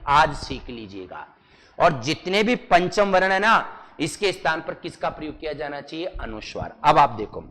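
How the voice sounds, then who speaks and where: A man from Rajasthan teaches a coaching class in a fairly high voice, and his pace is slow and deliberate. He keeps firing the same question at his students and stretches each syllable out for them to copy. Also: a bit bright. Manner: repetitive question-and-answer drilling of students; exaggerated slow syllable-by-syllable pronunciation. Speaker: Hindi teacher. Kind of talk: live coaching class lecture.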